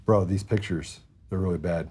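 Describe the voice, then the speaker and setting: A man's voice: sits low, fairly even intonation, normal speed, mellow, husky. Blunt, heated man hosting a talk show. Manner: blunt, heated, repeats words when worked up.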